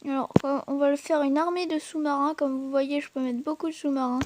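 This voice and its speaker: High-voiced woman giving hesitant gameplay commentary. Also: steady tone, a little fast, background noise. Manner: hesitant, full of fillers and restarts; chatty, addresses viewers directly. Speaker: gaming channel host.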